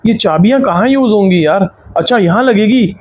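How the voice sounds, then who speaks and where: A young man giving frightened, hurried commentary as he plays a horror game, narrating each move to his viewers. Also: high voice, dull audio. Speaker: gaming YouTuber.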